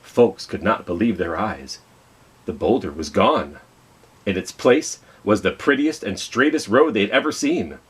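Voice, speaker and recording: A children's storytime host reads a picture book aloud, telling it dramatically and putting questions to his young listeners. His voice is on the low side, animated and unhurried, with a slightly rough texture. The audio quality is poor.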